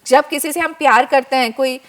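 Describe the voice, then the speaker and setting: A woman spiritual teacher, a guest expert in a TV studio, giving a devotional talk as an animated storyteller. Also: sits high, fairly quick. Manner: animated storyteller, acts out characters.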